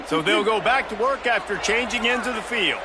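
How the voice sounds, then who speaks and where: A man's voice: sits high, lively intonation, a little fast. A man calling live American football play by play as the announcer. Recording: very loud stadium crowd noise. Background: crowd and stadium ambience.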